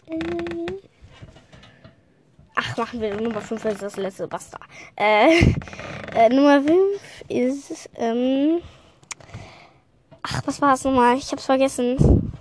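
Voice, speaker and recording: Woman rambling slowly with lots of ums, says sorry a lot, kinda high voice, faint hiss behind. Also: a little mellow. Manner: hesitant, keeps apologizing and restarting; slow with many fillers and trailing off. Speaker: podcast host. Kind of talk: rambling casual chat.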